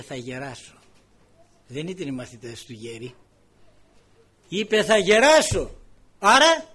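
A man's voice: medium pitch, breathy edge. An older man preaching a sermon, telling a personal story and acting out the quoted dialogue with many repeated words.

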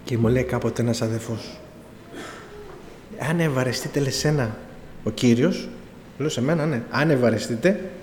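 A man's voice: medium pitch, pauses often, a little mellow. A middle-aged man preaching, telling his own story with quoted dialogue and pleading emphasis. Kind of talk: sermon testimony. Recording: echoey hall with faint room noise.

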